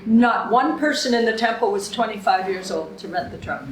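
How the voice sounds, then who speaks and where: A woman's voice: medium pitch, expressive, normal speed, slight background noise. A woman in her seventies telling anecdotes to a small group, chatty, often laughing and acting out what people said. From Canada. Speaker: guest speaker. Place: room with a small live audience. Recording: echoey room.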